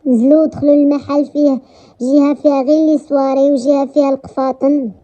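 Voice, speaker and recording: Moroccan woman narrator, high voice, dark mellow tone, dull lo-fi sound, romance story. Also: little pitch movement, fast talker. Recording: dull lo-fi recording.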